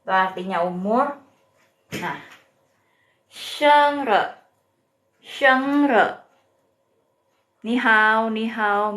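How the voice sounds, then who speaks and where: A woman's voice: medium pitch, a bit bright. A woman teaching a live-streamed Mandarin lesson, patient and greeting viewers by name.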